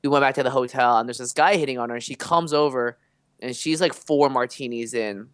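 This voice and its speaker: A young man co-hosting a podcast, telling animated, rambling stories in casual chat with lots of fillers. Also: medium pitch, fairly quick, clean tone, no echo, studio quality. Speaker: podcast co-host.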